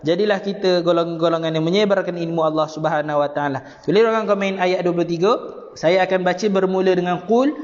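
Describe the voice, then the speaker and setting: A man with a Malaysian Malay accent teaching Quran recitation live online, explaining the rules step by step, repeating phrases and chanting the verses slowly. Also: sits high, steady tone, darkish tone. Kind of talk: live online tajwid lesson. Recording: dull sound with long reverb.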